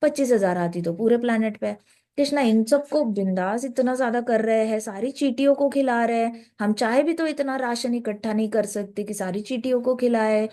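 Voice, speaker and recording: A woman's voice: fairly high pitch, normal speed, mellow. Woman giving a casual scripture talk. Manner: conversational, mixes English phrases. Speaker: devotional speaker.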